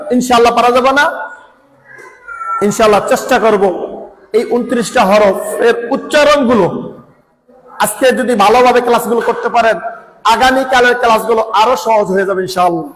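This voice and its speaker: High-voiced man drilling Quran syllables. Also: a bit bright, big-room sound, low-quality recording. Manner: sing-song drilling of syllables. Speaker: Quran teacher. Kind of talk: Quran recitation lesson.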